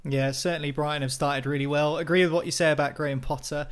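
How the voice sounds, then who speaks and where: A man's voice: a little high, flat delivery, fast, slight background noise. A man hosting a football podcast in a conversational presenting style. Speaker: podcast host.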